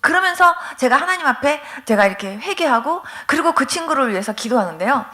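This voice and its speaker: Middle-aged woman pastor, high bright voice, animated revival testimony, emphatic and tearful. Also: fairly quick. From Korea. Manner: animated storytelling, acting out quoted voices. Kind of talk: testimony sermon at a revival meeting.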